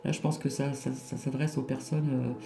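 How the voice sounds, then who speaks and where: A man with a fairly ordinary pitch gives an informal oracle card reading, talking directly to his viewers. He hesitates and circles back over his phrases. The room adds clear echo, and music plays behind him. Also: flat delivery. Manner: hesitant, repeating himself, halting. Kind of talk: casual spiritual card reading, addressing viewers.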